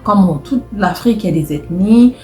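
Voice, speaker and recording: This is a woman from Brazzaville giving casual advice straight to her viewers. She has a mellow, dark voice and often repeats herself for emphasis. The room is echoey, with faint music under her. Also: mid-range voice, expressive, fairly quick. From Republic of the Congo (Brazzaville). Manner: chatty, addresses viewers directly, repeats phrases for emphasis. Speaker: vlogger. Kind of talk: casual advice talk to camera.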